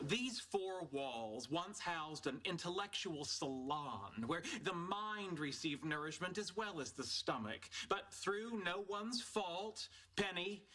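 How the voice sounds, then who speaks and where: A man's voice: high-pitched, animated, takes it slowly, pushed and bright, full character voice. An actor playing a fussy, condescending male physicist who lectures in a precise, pompous way. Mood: lecturing. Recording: noisy sitcom audio played back.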